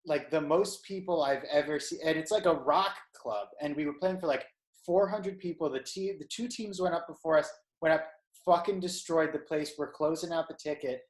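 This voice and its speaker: A man's voice: fairly high pitch, moderate pace. Rambling, profane man in a roomy space. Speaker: podcast co-host. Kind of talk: casual chat. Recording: roomy echo.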